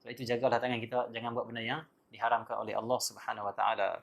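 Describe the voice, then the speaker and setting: A man's voice: medium pitch, flat delivery, racing, creaky, fairly bright tone. A man giving a religious lecture, telling stories animatedly and breaking in with devotional exclamations. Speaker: religious teacher.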